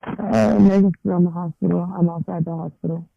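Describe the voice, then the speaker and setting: A woman heard over a leaked prison phone call, answering in hesitant, halting replies. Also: lowish voice, steady tone, vocal fry, no echo.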